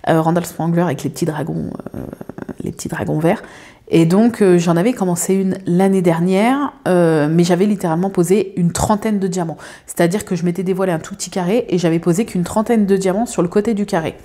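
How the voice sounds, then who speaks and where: A woman's voice: fairly low pitch, a little fast, warm tone. A woman chatting casually to her viewers at home, rambling with lots of fillers and restarts. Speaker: craft video creator.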